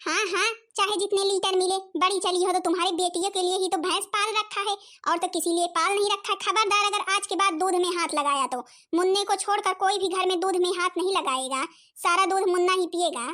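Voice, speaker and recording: A woman's voice: very high voice, fairly even intonation, brisk, pushed and bright. Nagging cartoon mother-in-law. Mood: scolding. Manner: nagging, scolding. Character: scolding, stingy older mother-in-law who favours grandson. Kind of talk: cartoon comedy voice acting.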